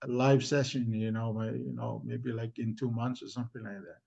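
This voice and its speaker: Halting Tongan-accented man, lo-fi audio. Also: mid-range voice, level tone, creaky, darkish tone, husky. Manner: halting, deliberate, repetitive. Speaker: community programme speaker. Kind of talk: informal live discussion wrap-up. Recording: dull lo-fi stream audio.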